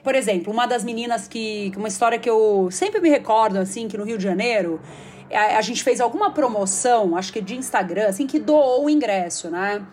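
Brief: Brazilian woman, comedic actress, fairly high voice, animated storyteller quoting others in an interview. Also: brisk, a little hiss or hum. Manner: lively retelling, voices others' quotes with pitch jumps.

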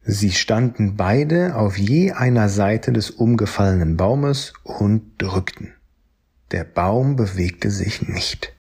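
A man reading a children's story aloud slowly, his voice rising and falling in a lively melody. The tone is gentle and a little breathy. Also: fairly low pitch.

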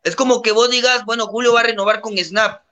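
A man's voice: very high-pitched, steady tone, fairly quick, sharp tone. A young Guatemalan man with a Guatemalan Spanish accent, giving firm opinions in a casual sports chat. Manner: opinionated, emphatic, uses "vos". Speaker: podcast co-host.

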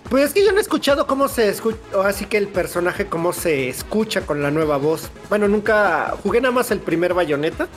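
A man with a Mexican accent hosting a casual podcast chat, animated and full of slang, often talking over the others. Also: high-pitched, a little fast, hardly any pauses, faint music behind. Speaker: podcast host.

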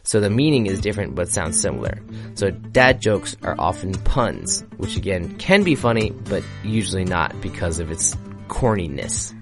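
A very low-voiced man chats easily through an English lesson, chuckling at his own corny jokes. Soft guitar music plays underneath. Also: sing-song, normal speed. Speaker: native English co-host. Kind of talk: casual explanatory chat. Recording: light guitar music behind.

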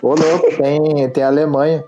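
A man's voice: on the high side, little pitch movement, normal speed, dark tone, dull audio, soft background music. A young man, co-hosting a podcast in casual banter. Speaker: podcast co-host.

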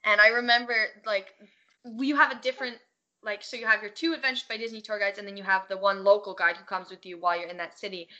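A young woman in casual chat, telling family travel stories in an animated, excitable way. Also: mid-range voice, fast, dull audio.

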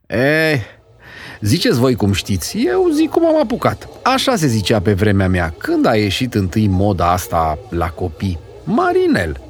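A man voicing a doting, fussy old grandmother who talks in a shrill, scolding, old-fashioned way. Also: very animated, soft background music. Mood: stubborn.

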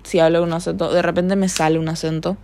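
In a dry recording, a young Paraguayan woman talks quickly in a warm, fairly low voice that moves little in pitch. She hosts a casual solo podcast from her bedroom, rambling and chatty with lots of fillers, and her Paraguayan Spanish accent has some Argentine tone.

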